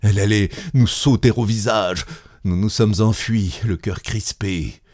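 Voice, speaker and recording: A man narrates a literary tale in a low voice. He reads slowly, with a grave and measured delivery. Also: a little mellow. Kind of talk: literary audiobook reading.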